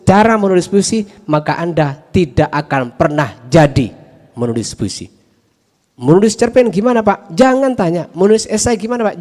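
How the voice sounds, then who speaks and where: A man's voice: on the high side, darkish tone. Emphatic man lecturing in a reverberant hall. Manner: emphatic, rhetorical, repeats short phrases. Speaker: speaker at a literature discussion. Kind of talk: lecture-style talk to students. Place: campus hall.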